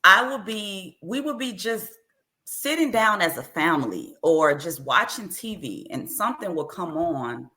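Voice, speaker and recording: A woman author talks candidly in an interview. Her voice sits low yet comes across bright and forceful. She speaks with open earnestness, often circling back over short repeated phrases. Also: sing-song, unhurried.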